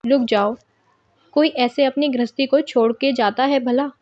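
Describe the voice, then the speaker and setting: A woman's voice: sits high, steady tone, measured pace. A woman reading a pleading husband. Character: grown man pleading with his wife to stay. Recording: dull lo-fi recording.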